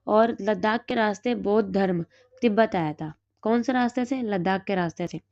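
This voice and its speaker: A woman with a hoarse throat, teaching exam notes and asking and then answering her own quick questions. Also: mid-range voice, a little mellow, no room sound, highs cut off. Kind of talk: reading through study notes.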